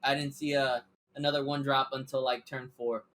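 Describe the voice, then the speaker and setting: A man's voice: mid-range voice, level tone, normal speed, fairly bright tone. A man talking casually as a card game player, easygoing with many fillers. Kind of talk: casual podcast chat.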